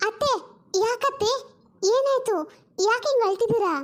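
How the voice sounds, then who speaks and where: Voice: extremely high pitch, normal speed, voice pushed up. A performer voicing an assertive elder sister-in-law in a family drama. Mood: firm.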